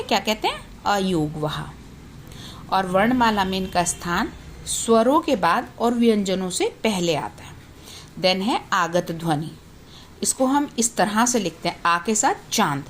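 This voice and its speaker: A woman teaching a grammar lesson to children. She asks questions and answers them herself, and reads out letters slowly one by one. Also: medium pitch, a little hiss or hum. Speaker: Hindi teacher.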